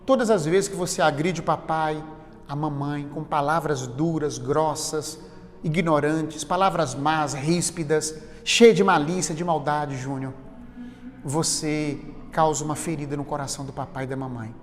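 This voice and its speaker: A man voicing a serious, gentle father who speaks low and softly to his son. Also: lively intonation, brisk, long reverb tail, close to an everyday voice. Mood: earnest. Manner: low, soft and earnest.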